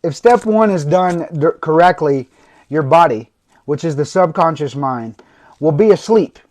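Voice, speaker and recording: A man hosting a livestream, talking slowly and soothingly as he guides a meditation and gives instructions. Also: on the high side, expressive, darkish tone. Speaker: host of a livestream. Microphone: phone or computer mic for a livestream.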